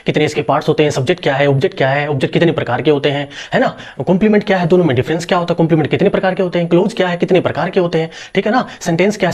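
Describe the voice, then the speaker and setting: A man's voice: fairly high pitch, a little mellow. A young man teaching a grammar lesson, explaining step by step, asking rhetorical questions and answering them himself. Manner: reassuring fillers and repeated checks. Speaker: English teacher.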